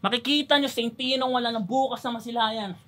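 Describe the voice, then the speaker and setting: Young male battle rapper; high, bright voice; mocking, punchy delivery. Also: fast. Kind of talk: battle rap verse.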